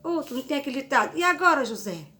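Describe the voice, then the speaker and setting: A woman's voice: high-pitched, sing-song, rapid-fire, bright, forceful tone. A woman teaching a grammar lesson, explaining through examples and checking in with frequent tag questions. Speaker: Portuguese teacher.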